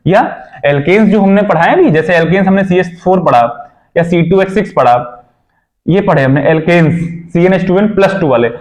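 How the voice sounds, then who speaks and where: A man's voice: high-pitched, fairly quick, darkish tone. A young man teaching a chemistry lesson, checking in with his students often and repeating his own questions.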